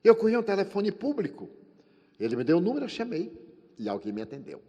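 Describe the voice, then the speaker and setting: Older Brazilian man, spiritist lecturer, theatrical storyteller, live hall with long reverb. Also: fast. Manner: animated storyteller, acting out dialogue with shifting pitch and volume. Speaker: spiritist speaker.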